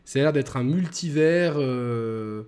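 A man's voice: slow pace, a little mellow. A man hosting a casual gaming chat show, joking around and repeating himself as he restarts sentences. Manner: joking, mock-reads a sarcastic pitch. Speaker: podcast host.

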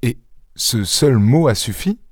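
A man's voice: mid-range voice, animated, takes it slowly, darkish tone, dry recording, clean studio sound. A man reading an audiobook voices the curious first-person narrator who questions the thief.

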